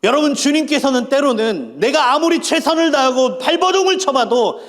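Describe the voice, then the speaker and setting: A man preaching a Sunday sermon in a fairly high voice, firing rhetorical questions at the congregation and calling them to repeat after him. His voice rings out with a long church-hall reverb. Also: sing-song, normal speed, fairly bright tone. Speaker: pastor.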